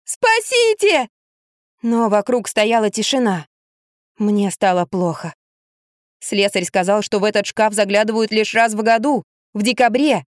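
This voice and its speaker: Woman narrator, audiobook reading, expressive storytelling, mid-pitched voice, dry close sound. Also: normal speed, no echo. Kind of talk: audiobook reading of first-person prose.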